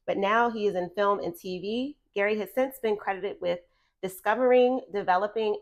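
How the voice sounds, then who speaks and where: A woman hosting an interview show, talking casually and laughing often between her lines. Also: medium pitch. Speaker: podcast host.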